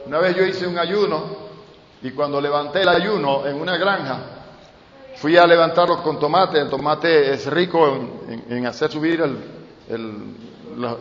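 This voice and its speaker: A man preaching a sermon, swinging from loud shouts to quiet storytelling. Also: a little high, a little hiss or hum. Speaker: pastor. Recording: echoey hall, dull sound.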